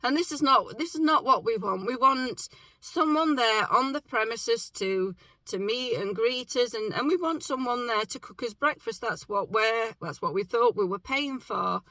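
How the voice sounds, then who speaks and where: A woman chatting casually to camera from inside her parked car, telling a story with lively quoted reactions, sounding low on energy with her morning voice. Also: normal speed, no room sound, rough recording. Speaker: vlogger.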